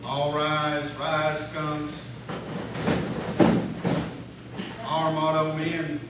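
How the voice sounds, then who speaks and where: A man with a slightly high, monotone voice speaks extremely slowly, playing a pompous, forgetful, dismissive lodge leader who runs a meeting in a folksy, commanding way. It's live comedy radio-show sketch acting, captured on a distant mic in a noisy, echoey hall.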